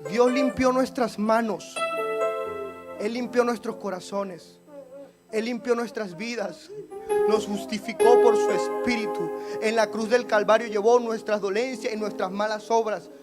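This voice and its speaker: A man preaching a sermon in a church, fervent, swinging between hushed passages and loud outbursts. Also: high voice, steady tone, a little slow. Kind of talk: sermon with prayer. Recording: guitar playing under the voice. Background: guitar music.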